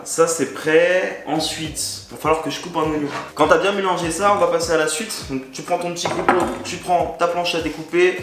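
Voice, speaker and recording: A man's voice: fairly high pitch, noisy background. A man hosting a casual cooking vlog, chatty and joking, talking straight to the viewer in slangy speech. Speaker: cooking video host. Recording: echoey room with loud background music. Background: loud background music.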